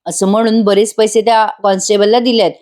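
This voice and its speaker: A woman's voice: mid-range voice, flat delivery, a little fast, darkish tone. A woman recapping a television serial episode in voice-over, chatting directly to her viewers.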